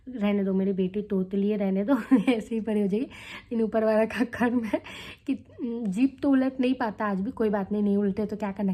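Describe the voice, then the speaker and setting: A young adult woman vlogs casually to the camera in a warm, mid-range voice. Chatty and candid, she often checks in with viewers, tagging her lines with "theek hai" and "hai na".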